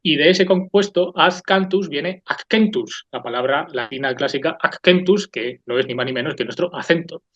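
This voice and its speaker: A man's voice: medium pitch, a little fast, few pauses, a bit bright, no echo. A man hosting a talk program, giving an unscripted, thoughtful and digressive lecture that often checks in with the listener. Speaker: host of a cultural talk program. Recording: slightly dull, dry lo-fi recording.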